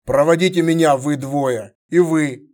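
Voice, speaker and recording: A man's voice: on the high side, darkish tone, close to an everyday voice. A man playing a stern commanding emperor. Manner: curt, commanding, measured orders. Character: stern, commanding middle-aged male emperor.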